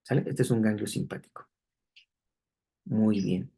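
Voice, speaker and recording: Man, husky voice, anatomy lecture, explanatory, frequent tag questions to the class. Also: on the low side, measured pace, dark tone. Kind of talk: classroom lecture walking through diagrams.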